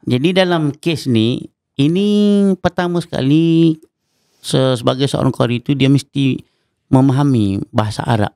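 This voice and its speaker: A man's voice: mid-range voice, moderate pace, creaky, pauses often, mellow, no room sound, studio quality. A Malaysian man with a Malaysian Malay accent, a Quran recitation teacher explaining patiently and breaking into melodic chanted examples. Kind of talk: explanatory podcast interview. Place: mosque podcast studio.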